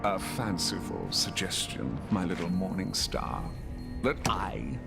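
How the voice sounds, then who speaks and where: A man playing a pompous, megalomaniac supervillain conqueror in a video game, speaking grandiosely and deliberately. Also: low voice, gravelly, over loud music. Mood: scornful, grandiose.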